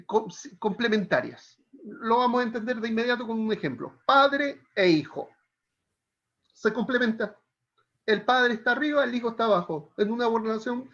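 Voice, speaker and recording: A man's voice: very high-pitched, a bit bright. A man teaching a Bible counseling class, explaining step by step and often checking in with his students. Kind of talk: classroom lecture. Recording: dull lo-fi classroom recording.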